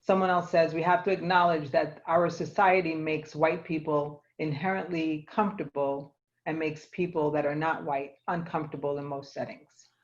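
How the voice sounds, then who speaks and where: A woman hosts a book discussion and reads out comments from the chat in a brisk, light way. Her voice sits low for a woman, and it comes through thin, muffled video call audio. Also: steady tone. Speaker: host reading chat comments.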